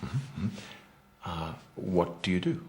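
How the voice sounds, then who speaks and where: An actor playing a curious private investigator in a scripted drama for learners, hesitant and full of ums and uhs. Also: male voice, low voice, expressive, slow, vocal fry, exaggerated voice.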